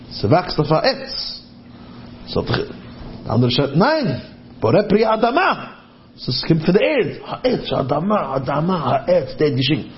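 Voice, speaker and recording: Man, somewhat high voice, lively storytelling, muffled recording. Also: slight background noise. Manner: lively, acts out quoted voices. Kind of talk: animated storytelling.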